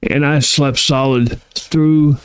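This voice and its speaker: A man's voice: mid-range voice, fairly even intonation, smooth. A drowsy man co-hosting a podcast, talking casually and repeating his points. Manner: drawn-out, repeats himself. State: sleepy, yawning. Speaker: podcast co-host. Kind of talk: casual chat.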